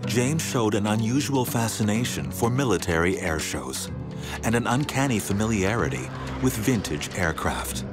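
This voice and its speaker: A man reading a scripted documentary narration in a dramatic way, slowing down on key words, with music playing behind him. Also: on the low side, lively intonation. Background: background music.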